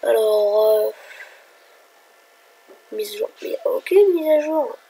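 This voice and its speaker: Over her screen recording, a woman tutorial vlogger gives casual, rambling commentary, thinking aloud with whispered asides and sudden excited outbursts. Her voice is on the high side and breathy, a little slow, and the recording quality is low.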